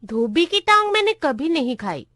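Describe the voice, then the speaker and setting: A woman's voice: high voice, very animated, moderate pace, pushed and bright, no echo, pitched above the performer's own voice, heavily acted. A woman voicing a hard-of-hearing old male office clerk who keeps getting things wrong in a storybook reading. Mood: muddled. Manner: confused, repeats things wrong.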